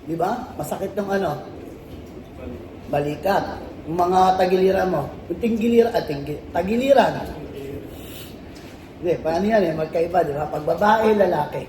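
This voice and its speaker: A man's voice: sits high, normal speed, a little mellow, slight background noise. A man with a Filipino accent giving a safety and security training lecture to a class. He mixes English phrases into his talk and keeps checking in with rhetorical questions like "tama?" and "di ba?". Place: training room in front of a class. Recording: echoey room, voice picked up from a distance.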